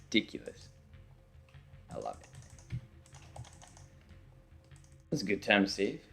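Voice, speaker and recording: A man's voice: on the low side, wildly swooping pitch, slow, creaky, a bit bright, faint music behind. A young man rambling through casual let's-play commentary, swearing when frustrated, his voice getting worn from talking. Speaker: gaming video host.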